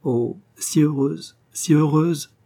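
Man voicing a young woman in love, joyful, teasing, impassioned, storybook reading, mellow voice. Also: mid-range voice, normal speed, slightly rough, natural voice. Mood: tender.

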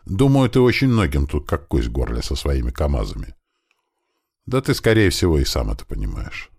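Guy doing a tough young woman with pistols, snappy, raised voice, gravelly underneath. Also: extremely low pitch, huge pitch swings, fairly quick, heavily acted. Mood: matter-of-fact. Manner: sharp, threatening then tender.

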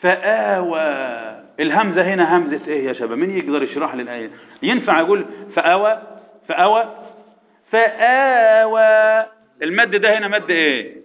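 A man with an Egyptian accent teaching Quran recitation rules to a class, firing quick repeated questions at students and chanting verses slowly. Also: a little high, animated. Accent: Egyptian Arabic. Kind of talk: classroom tajweed lesson. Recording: echoey hall, dull lo-fi sound.

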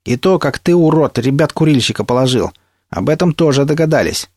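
A man voicing a hot-headed young stalker who jeers in loud shouts in an audiobook reading. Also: fairly high pitch, animated, brisk, no echo, clean studio sound, voice pushed up. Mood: jeering.

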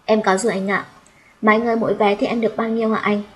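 A woman voicing a gentle, soft-spoken young woman who talks politely, in an audiobook reading. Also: medium pitch, level tone, quick pace, slight background noise, lightly acted.

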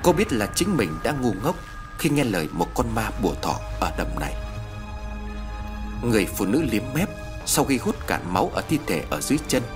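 A man's voice: on the low side, big pitch swings, moderate pace, music in the background. A man narrating a horror story in a scripted, dramatic storytelling style.

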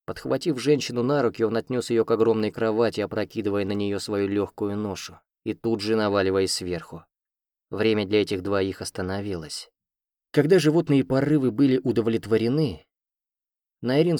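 A man reads a fantasy novel aloud as a scripted audiobook narration. His voice sits low and he reads in a measured, steady way. The sound is dry and close, with no room around it. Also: dry recording.

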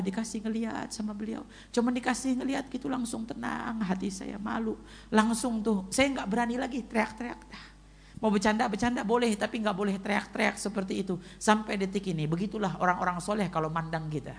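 A man's voice: sits high, vocal fry. A male preacher giving a casual, joking sermon and telling stories vividly, acting out the people in them. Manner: animated storytelling, acting out the people in the story.

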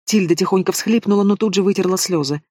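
A man narrating a fantasy audiobook with a steady, expressive reading. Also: sits high, fast, dry recording, studio quality. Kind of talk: scripted narration.

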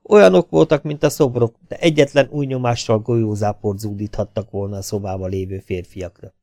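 A man with a Hungarian accent narrating an audiobook in an even, measured reading. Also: on the low side, no echo, studio quality. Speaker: audiobook reader.

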